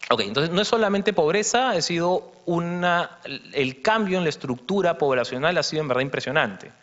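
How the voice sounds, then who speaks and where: A man with a slightly high, fairly bright and expressive voice presents slides at a conference in a congress hall, speaking at normal speed. He explains things with frequent fillers and tag questions, and the recording carries a reverberant hall and dull broadcast quality.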